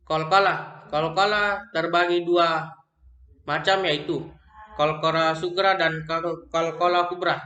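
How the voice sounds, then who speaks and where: A young man with an Indonesian accent works through a recitation lesson, reading slowly from his notes and often stumbling and restarting words. His voice is bright and a little high. The room around him rings with echo. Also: flat delivery, lo-fi sound. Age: young adult. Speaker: student presenting an assignment. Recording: echoey room.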